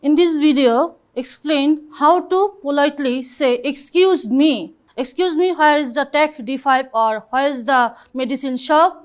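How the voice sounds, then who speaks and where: A woman English teacher teaching a class. She speaks halting English and spells words out letter by letter. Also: high-pitched.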